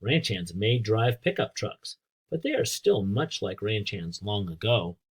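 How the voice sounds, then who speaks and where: In a read-aloud lesson full of asides and questions, a husky-voiced American man talks to young pupils the way a teacher would. He goes at an unhurried pace with lively rises and falls in pitch, explaining things simply and speaking directly to the children.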